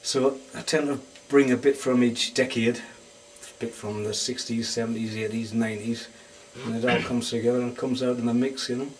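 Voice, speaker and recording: A man's voice: medium pitch, steady tone, moderate pace, hardly any pauses. An easygoing man with a Northeast English accent talks casually about his band, in a mid-range voice. He is picked up from a distance in a lounge bar, with faint noise behind him. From Sunderland, England. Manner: easygoing, rambling. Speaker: band guitarist and singer. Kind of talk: casual interview chat.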